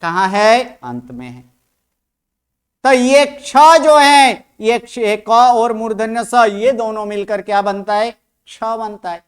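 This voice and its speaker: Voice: mid-range voice, slow pace, clean tone. A teacher giving an online language lesson, who keeps asking the class questions and repeats each sound aloud to drill pronunciation.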